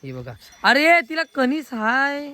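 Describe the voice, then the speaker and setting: Excited man vlogging a village festival. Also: very high-pitched, slow pace. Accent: Konkan Marathi. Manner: excited, calling out to friends while filming. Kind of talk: casual outdoor vlog commentary. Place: outdoors in a village field. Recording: crowd noise outdoors. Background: crowd of villagers.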